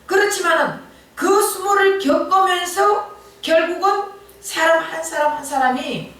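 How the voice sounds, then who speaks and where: High-voiced woman preaching in an echoey church. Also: a little slow, fairly bright tone. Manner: earnest conversational preaching, rising emphatic bursts. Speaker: pastor. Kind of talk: sermon. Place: church sanctuary at a Friday night service. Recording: very echoey church hall from far off.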